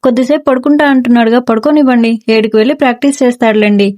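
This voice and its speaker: A woman's voice: fairly high pitch, fairly even intonation, racing, darkish tone, lightly acted. A woman voicing a middle-aged mother who chides her husband and bustles off to her chores, in a storybook reading. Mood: chiding.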